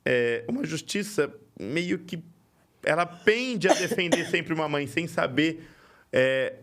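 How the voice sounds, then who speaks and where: A man's voice: on the high side, slow pace. A man hosting a podcast, telling a story in casual chat and acting out the voices in it. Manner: animated, acts out quoted dialogue. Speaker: podcast host.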